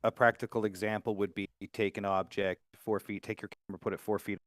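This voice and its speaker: A man's voice: fairly low pitch, flat delivery, fast talker. A man in a casual online panel debate, talking through a headset that keeps cutting out, so his volume jumps and words drop away as he walks through a practical example. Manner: explaining step by step with a practical example. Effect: breaking-up mic, volume jumping up and down, words dropping out.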